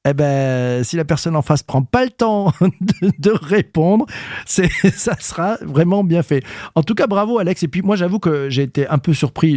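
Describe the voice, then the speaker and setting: An enthusiastic male podcast host chats casually and stops often to search for words. His voice is mellow and rather dark, and the sound is dry and close. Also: fairly high pitch, no room sound. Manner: enthusiastic, lively, hesitant with fillers.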